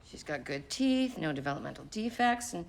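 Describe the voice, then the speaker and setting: A woman's voice: on the low side, very animated, normal speed, creaky, slight background noise. An actress playing a dry, wry female doctor in a period TV drama.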